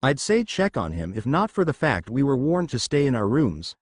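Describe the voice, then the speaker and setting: A man's voice: mid-range voice, big pitch swings, moderate pace, no echo. Brief: upbeat teen leader, matter-of-fact, dry close sound, read by a man. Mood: cheerful. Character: upbeat teen boy leader, eager planner.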